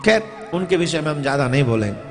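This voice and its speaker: Guy preaching a story sermon, high voice, scolds the crowd, long echo and soft music behind. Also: very animated, quick pace. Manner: scolds and exhorts the audience; acts out characters in the story. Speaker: religious storyteller. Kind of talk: devotional sermon to a live crowd. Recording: echoey hall with music.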